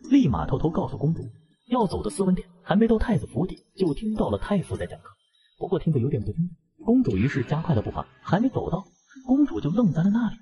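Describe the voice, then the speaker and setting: A man narrating a fantasy romance comic recap in a brisk storytelling manner. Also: high-pitched, lo-fi sound.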